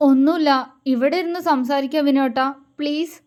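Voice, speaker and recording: A woman's voice: high voice, steady tone, a little mellow, lightly acted. A woman reading aloud voices a timid young woman in a romance story, who speaks hesitantly and stumbles over her words. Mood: tearful. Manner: hesitant, halting speech.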